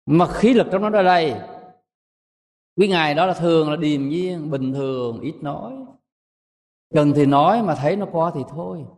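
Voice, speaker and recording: A man giving a measured, emphatic dharma talk to a monastic assembly, rising high to stress his points. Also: lively intonation, a little mellow, big-room sound. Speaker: Buddhist monk teacher.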